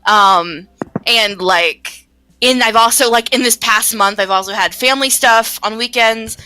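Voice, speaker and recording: A woman, an indie visual novel developer, chats casually on a game stream, rambling, self-deprecating and swearing casually. Her voice is a little high, pushed and bright at a measured pace, in a low-quality recording with music playing behind her.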